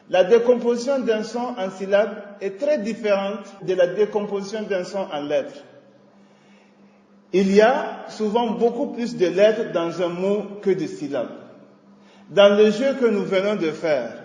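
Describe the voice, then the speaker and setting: A man with a high voice leads a scripted radio lesson, taking each word slowly and with care. His voice rings through an echoey hall with a long reverb tail. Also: lively intonation, warm tone. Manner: slow, deliberate teaching delivery.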